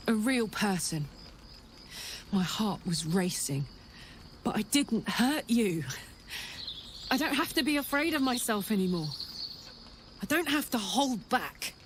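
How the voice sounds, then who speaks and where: A woman's voice: medium pitch, slight background noise. A woman playing a brash, big-hearted warrior in a video game, newly free, with an earnest, playful swagger. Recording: background music behind the voice. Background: clear music.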